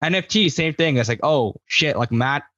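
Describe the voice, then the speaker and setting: A man's voice: fairly high pitch, expressive, moderate pace, bright, forceful tone, dry recording. Encouraging male podcast host, muffled. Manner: encouraging, wraps up the show. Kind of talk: casual interview chat.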